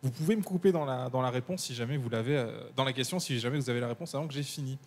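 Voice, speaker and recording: A man's voice: medium pitch, long reverb tail. Man reading out quiz questions. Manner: slow and careful when reading questions, fillers between phrases. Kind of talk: live quiz hosting before an audience.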